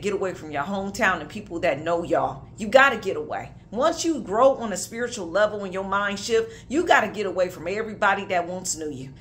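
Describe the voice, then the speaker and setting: Woman minister, thirties, emphatic prophetic preaching to camera, faint low rumble behind. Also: a bit bright. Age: 30s. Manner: emphatic preaching with casual asides.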